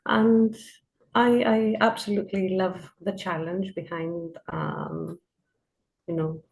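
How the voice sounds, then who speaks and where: Slow, gravelly woman guest. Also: fairly low pitch, flat delivery, a little mellow, low-quality recording. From Greece. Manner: hesitant, many uh and um fillers. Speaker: podcast guest, project manager. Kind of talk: casual interview answers.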